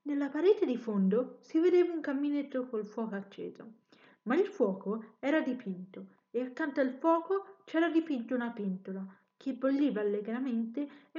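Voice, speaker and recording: A woman reading a children's story aloud, expressive, with an occasional self-correction. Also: high voice, dull audio.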